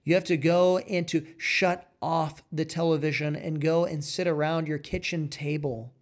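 A man preaching a fiery sermon, exhorting forcefully with repeated phrases and rising emphatic peaks. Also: a little high, fairly even intonation, normal speed.

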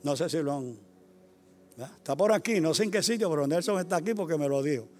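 An older man, a retired pastor preaching a sermon, repeating his phrases and swinging between quiet storytelling and loud exhortation. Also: fairly high pitch, lively intonation, quick pace, faint music behind. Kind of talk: sermon with personal stories.

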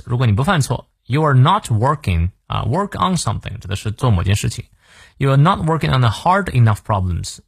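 A man's voice: on the low side, creaky, slightly rough, dry recording, clean studio sound. A man hosting a daily English lesson podcast, explaining a quote phrase by phrase and switching between English and Chinese. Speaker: English teacher, podcast host.

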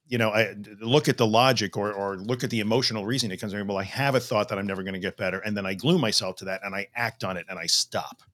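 A man with a low voice talks quickly on a podcast. He sounds encouraging and often repeats short phrases to drive a point home. His delivery is casual and conversational. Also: a bit bright. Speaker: podcast co-host.

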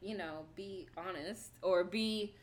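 A woman's voice: fairly low pitch, takes it slowly. A woman co-hosting a casual podcast, speaking candidly and trailing off into asides. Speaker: podcast co-host.

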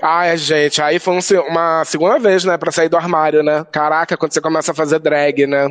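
Lively high-voiced man telling a story. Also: brisk, clean tone, big-room sound. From Rio de Janeiro, Brazil. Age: 30s. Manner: animated storytelling, swears, mimics relatives. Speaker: drag queen guest. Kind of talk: casual podcast chat. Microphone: remote recording.

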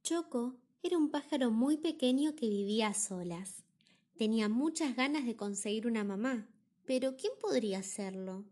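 An Argentine woman reading a storybook aloud to her young nephew, expressive and gentle. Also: on the high side, normal speed. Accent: Argentine Spanish.

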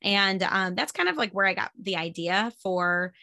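A woman's voice: medium pitch, expressive, moderate pace, vocal fry, sharp tone, no echo, studio quality. A woman in her thirties with a Midwestern American accent, a guest in a podcast interview, talking casually with many fillers. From Michigan and Chicago area. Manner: chatty, many fillers, laughs often. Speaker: podcast guest, homeschool mom and music teacher.

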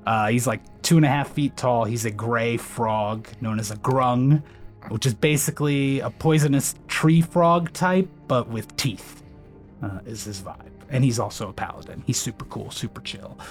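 A man's voice: mid-range voice, normal speed. A man chatting casually as a player in a tabletop role-playing game. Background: faint music.

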